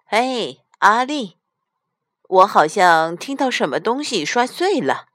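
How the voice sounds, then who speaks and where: A woman voicing a patient, loving mother bear in a storybook, speaking in a warm, reassuring way. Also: mid-range voice, sing-song, takes it slowly, dry recording, clean studio sound, pitched above the performer's own voice.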